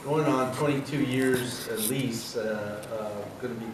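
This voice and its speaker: A man's voice: medium pitch, measured pace, background noise. Middle-aged man telling rambling stories. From San Diego, California. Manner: digressive, chuckles at his own stories. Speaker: editorial cartoonist giving a talk. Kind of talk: rambling anecdotal talk. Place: convention hall. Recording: roomy hall, distant mic, faint ambience.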